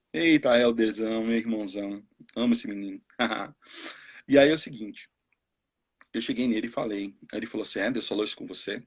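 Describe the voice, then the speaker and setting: A man's voice: mid-range voice, husky. A Brazilian missionary in his forties telling his story casually, acting out the voices of the people he quotes. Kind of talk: casual testimony on a live stream.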